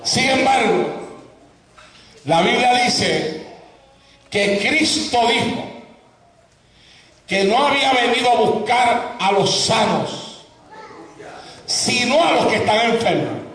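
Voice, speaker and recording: A pastor delivers an impassioned sermon, his voice rising to shouts. He sounds high for a man, and the recording catches him from a distance. A big hall reverb washes over every word. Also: animated, slow pace, long pauses. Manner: impassioned preaching, often shouting. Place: large church hall. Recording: echoey hall, voice from far off.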